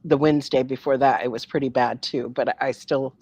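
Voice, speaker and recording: A woman's voice: a bass voice, steady tone, fairly quick, a little mellow, husky, dry recording. Frank woman chatting, close dry sound. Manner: frank, blunt, informal. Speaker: talk show co-host. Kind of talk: casual chat.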